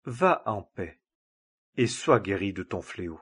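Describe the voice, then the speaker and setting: A man reading the words of a healer who speaks calmly and with authority, in a husky voice. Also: lowish voice, a little slow, pitched below the performer's own voice, exaggerated voice. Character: calm male teacher healing and commanding spirits.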